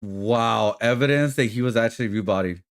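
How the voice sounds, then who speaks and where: A man's voice: medium pitch, moderate pace, smooth. A man live-streaming in casual chat, rambling with lots of fillers and talking to his viewers as guys. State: hiccups.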